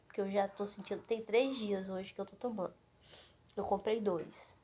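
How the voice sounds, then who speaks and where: A woman's voice: medium pitch, fairly even intonation, moderate pace, dark tone, breathy edge. Middle-aged woman vlogging at home, chatty, keeps checking in with her viewers. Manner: chatty, many fillers and asides to viewers. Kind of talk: casual chat to camera.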